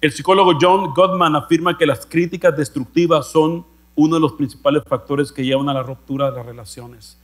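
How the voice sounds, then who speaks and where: A man's voice: on the high side, fairly even intonation, fairly quick, few pauses. A man with a northern Mexican accent, preaching a sermon and telling jokey stories, calling his listeners brother. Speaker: pastor.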